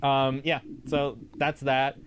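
A man's voice: mid-range voice, level tone, slow, slight background noise. A man with an American accent hosting a casual sports talk show. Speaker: sports podcast host.

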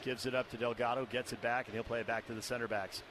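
A man's voice: mid-range voice, flat delivery, quick pace. An American man doing live play-by-play soccer commentary in short, clipped descriptions of the action, over stadium noise. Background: outdoor stadium ambience.

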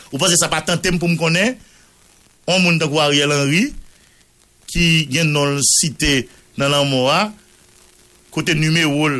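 A man's voice: on the high side, bright, forceful tone. Haitian man reading names on air. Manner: mixes Creole into French, reads long name lists. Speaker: radio news journalist. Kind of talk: news commentary, reading a court order.

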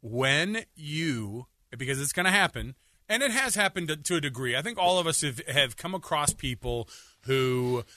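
Male radio co-host, bright and lively, rambling jokey banter, dry studio sound. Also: fairly high pitch, moderate pace, no echo. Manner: joking, rambling, restarts often.

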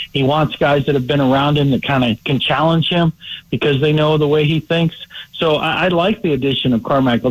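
A man, a sports insider calling in by phone, giving measured analysis, often hedging with "I mean" and "you know". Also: fairly high pitch, no room sound, poor audio. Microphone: phone line.

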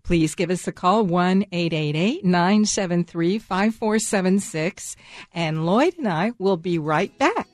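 A woman's voice: on the low side, animated, unhurried, no room sound. An American woman hosting a casual radio chat in a chatty, enthusiastic way. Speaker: radio host.

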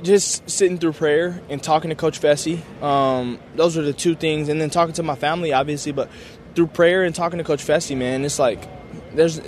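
A man's voice: fairly high pitch, steady tone, moderate pace, a little hiss or hum. A young man, a college football player, answering media day questions in an enthusiastic, grateful, casual way with lots of filler words. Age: young adult.

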